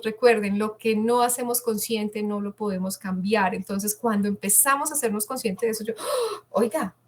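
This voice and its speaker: Chatty woman coaching online. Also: a little high. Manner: warm, chatty, asks the audience questions. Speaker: communication coach. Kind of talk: online masterclass talk.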